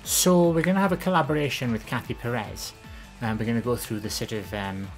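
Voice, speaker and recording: Soft music plays as a woman from the Welsh Valleys answers viewer questions on a live stream, speaking a little fast. Her soft, gentle voice is low, creaky and less feminine in tone, and she rambles casually, often saying um and restarting.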